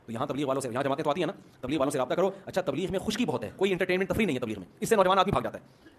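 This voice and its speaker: Casting: man preacher, slightly higher voice, lively questioning delivery. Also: slight background noise. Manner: lively, asks the crowd questions and answers himself; acts out short quoted dialogues in a lowered voice. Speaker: Islamic preacher. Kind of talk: sermon to young men.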